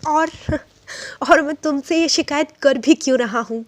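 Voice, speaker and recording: A woman's voice: sits high, unhurried, no echo. A woman voicing a bitter heartbroken young man. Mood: hurt, accusing. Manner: bitter, accusing, mixes English phrases. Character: hurt, angry young man confronting his friend.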